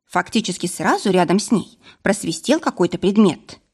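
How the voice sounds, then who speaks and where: Female audiobook narrator, expressive, lively storytelling. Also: medium pitch, moderate pace, slightly rough.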